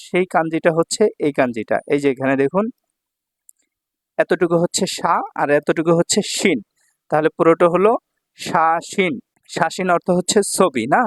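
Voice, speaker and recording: A man's voice: high-pitched, no room sound. A man from Bangladesh teaching kanji in a patient, repetitive way, often checking that his students follow. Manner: patient, repeats words and checks understanding. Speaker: Japanese language teacher. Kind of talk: kanji lesson explanation. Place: Dhaka language center.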